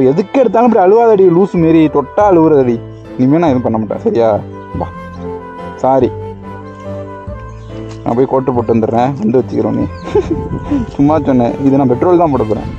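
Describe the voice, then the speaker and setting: A young Tamil man talks casually with a close friend, first teasing her, then coaxing her and saying sorry. His voice is warm and mellow. The sound is dull and lo-fi, like a phone recording, with faint music under it. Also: mid-range voice, expressive, fairly quick, pauses often. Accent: Tamil Nadu. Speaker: vlogger pulling a prank on his best friend. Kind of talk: casual outdoor prank chat.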